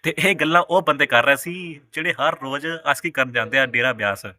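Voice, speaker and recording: Sharp-voiced ranting vlogger man. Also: medium pitch, fairly quick. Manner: blunt, heated and crude, with swearing and scornful repetition. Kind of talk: ranting social commentary.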